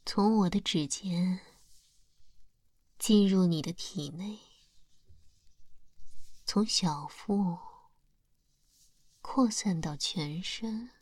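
A woman voicing a seductive female demon lord in an ASMR hypnosis roleplay, whispering slowly and softly with a breathy voice. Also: fairly low pitch, dry recording, exaggerated voice. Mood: coaxing. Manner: slow soft whispering.

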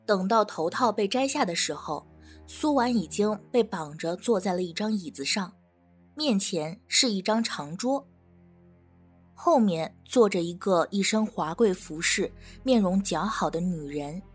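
A woman narrating an audio drama with expressive storytelling, over faint music. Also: mid-range voice, measured pace, breathy edge.

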